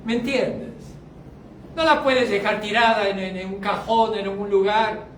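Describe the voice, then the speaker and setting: A man with a high, light voice preaches from the pulpit. He stretches his key lines slowly and loudly, then drops to low, muttered asides. The sound is roomy and heard from some distance, with faint hall ambience behind him. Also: steady tone, slight background noise. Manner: emphatic preaching with sharp swings from loud to low. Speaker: pastor. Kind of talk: sermon. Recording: echoey hall, mic at a distance.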